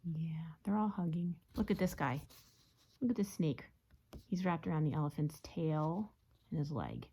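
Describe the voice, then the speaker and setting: A teacher reading a picture book aloud to young children, pausing to ask them questions and often dropping into a soft whisper. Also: female voice, low voice, animated, husky. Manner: gentle, asks listeners questions, drops to whispers. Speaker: teacher reading to her class.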